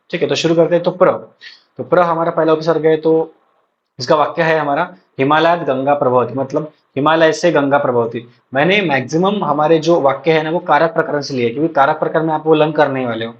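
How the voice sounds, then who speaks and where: Young male tutor drilling terms aloud. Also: fairly high pitch. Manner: repetitive, drills terms aloud for students to repeat; frequent check-ins to students. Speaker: ayurveda college lecturer. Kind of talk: exam-prep lesson. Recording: dull lo-fi recording.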